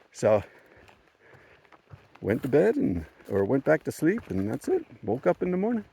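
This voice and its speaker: A man's voice: mid-range voice, wildly swooping pitch, measured pace, creaky, warm tone, husky. A man casually telling a story on a hiking vlog, rambling and chuckling, with frequent restarts, outdoors on a mountain trail. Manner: rambling, chuckling, self-correcting. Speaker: thru-hiker vlogger.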